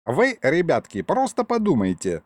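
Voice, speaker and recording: A man's voice: a little high, wildly swooping pitch, moderate pace, no echo, voice pushed up. A man voicing a cranky old grandfather house spirit with grumbling, folksy speech in an audiobook.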